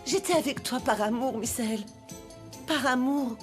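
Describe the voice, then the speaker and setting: A proud young mother who has been wronged, in a dubbed TV melodrama. Her voice is high and pleading, with music playing underneath. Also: unhurried. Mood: wounded, indignant. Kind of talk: dubbed television melodrama acting.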